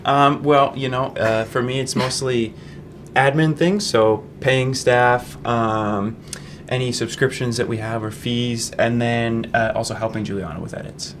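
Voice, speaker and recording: A young man from Canada, a student managing editor answering interview questions in a relaxed, rambling way with many ums. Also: mid-range voice, a little slow, slight background noise. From Fredericton, Canada. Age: young adult.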